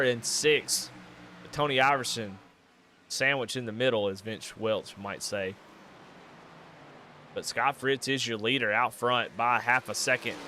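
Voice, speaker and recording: A man with a drawl calls a live race in casual, folksy play-by-play. His voice is bright and forceful, and it climbs high and loud whenever cars make contact. A faint hum of noise sits behind him. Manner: excitable, rising sharply and loud during wrecks; folksy, casual Southern phrasing. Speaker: race commentator. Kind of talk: live sim racing play-by-play commentary.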